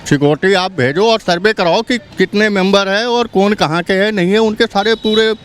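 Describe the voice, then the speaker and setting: A man's voice: sits high, moderate pace. A man from Bihar giving his opinion on the street in an emphatic, repetitive way. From Bihar, India. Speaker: interviewee. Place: outdoors on a city street. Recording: street traffic noise.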